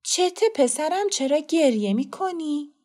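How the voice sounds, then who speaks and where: A woman voicing a kind grown woman who coaxes a lost child slowly and gently. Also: sits high, voice pushed up. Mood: gentle. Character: kind, hurried adult woman, gentle then flustered.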